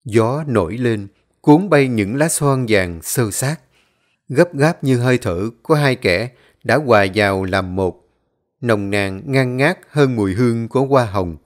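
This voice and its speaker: A man reading a dramatic story aloud as a storyteller, in a measured, dramatic manner. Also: mid-range voice, expressive. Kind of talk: scripted story narration.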